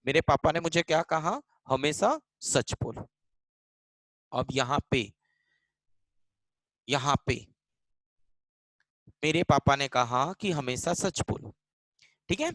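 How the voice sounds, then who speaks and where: A man's voice: a little high, lively intonation, slow, long pauses, a bit bright, no room sound, rough recording. Hindi-speaking man drilling an online grammar class. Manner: calls out students by name, repeats lines, drills answers; switches between Hindi and English mid-sentence. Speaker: online English grammar teacher.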